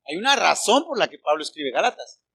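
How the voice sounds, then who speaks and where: Bright, high-voiced Mexican pastor preaching. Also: male voice, fairly quick, creaky, slightly rough. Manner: animated preaching with rhetorical questions to the congregation. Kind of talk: sermon.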